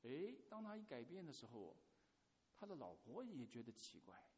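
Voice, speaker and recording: A man's voice: mid-range voice, very animated, normal speed, a little mellow, husky, long reverb tail. A man preaching a sermon, telling a story and putting questions straight to his congregation. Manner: asks the congregation questions directly.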